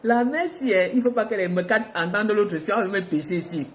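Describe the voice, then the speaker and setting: Her mid-range voice moves fairly quickly as this middle-aged African vlogger recounts a personal story to her audience. She's vivid and expressive, breaking into laughter between lines.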